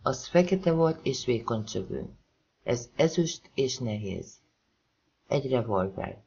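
A woman reading a novel aloud as an audiobook narrator, raising her pitch to voice the characters. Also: lively intonation, vocal fry, mellow, muffled recording, a little hiss or hum. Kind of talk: scripted narration.

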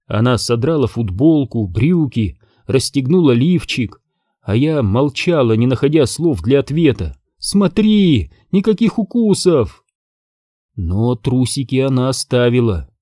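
Mellow, expressive male audiobook reader. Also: mid-range voice, measured pace, no echo, studio quality. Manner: expressive first-person storytelling. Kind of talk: scripted narration.

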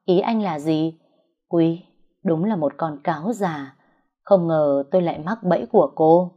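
Woman voicing a guilty young husband. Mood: pleading. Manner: low, hurried pleading. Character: young man, cheating husband, pleading then cold. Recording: dull lo-fi audio.

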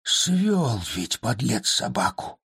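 A man voicing an old male street performer who pleads helplessly, with a croaky falsetto when he calls out. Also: very animated, a little slow, no echo, studio quality, heavily acted. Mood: dismayed, helpless. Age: older.

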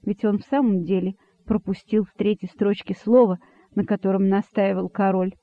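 A man's voice: sits high, little pitch movement, normal speed, dry recording. A man narrating a storybook expressively, on a dry, phone-like recording. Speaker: audiobook narrator. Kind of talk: scripted narration. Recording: dry, phone-like narrow sound.

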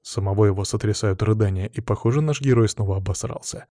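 Low, mellow male audiobook narrator. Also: fast, no room sound, studio quality. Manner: coarse, sardonic first-person storytelling. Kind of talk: first-person audiobook narration.

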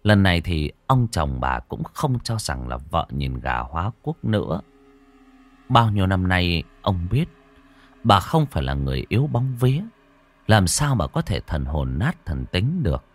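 A man narrating a ghost story with dramatic, animated delivery, rising and falling to build suspense. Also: low voice, a little slow, soft background music.

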